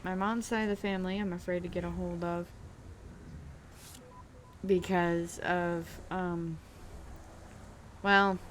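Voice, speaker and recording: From her bedroom, a young woman tells a casual personal story while playing a driving video game, stumbling through plenty of ums and restarts and poking fun at herself. Her voice is fairly low and flat, with slow, frequently paused speech and a faint hiss or hum.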